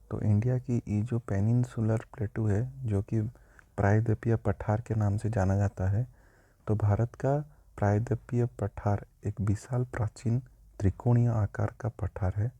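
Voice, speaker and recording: A man's voice: fairly low pitch, vocal fry, dark tone, dry recording. A man teaching a geography lesson online, explaining step by step in a chatty way and addressing viewers as friends.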